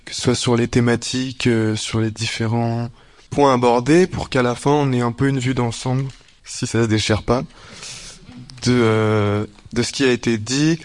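A man's voice: mid-range voice, fairly even intonation, moderate pace. A young man of eighteen explaining things informally to a group. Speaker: civic service volunteer, note-taker.

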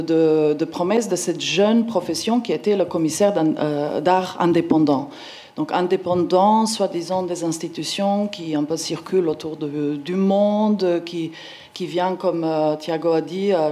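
A woman's voice: low voice, dark tone. A woman in her forties with a Slovenian accent, giving an informal conference talk in a hesitant way, searching for her words. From Slovenia, former Yugoslavia. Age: 40s. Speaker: independent art curator, panel speaker.

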